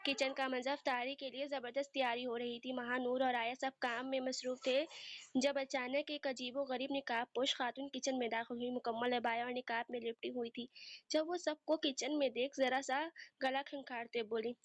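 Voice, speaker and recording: A woman narrating an audio novel in a steady storytelling manner. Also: high-pitched, moderate pace, no echo. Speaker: novel reader. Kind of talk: scripted narration.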